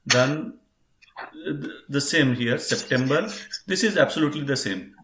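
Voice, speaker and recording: A man's voice: fairly high pitch, moderate pace, a bit bright, roomy sound. A man teaching a German class, patiently spelling words out letter by letter and speaking to his students as friends.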